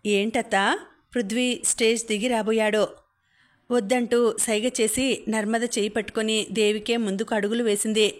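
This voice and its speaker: A woman narrating a novel as an audiobook, reading calmly and steadily. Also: on the high side, normal speed. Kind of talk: storybook narration.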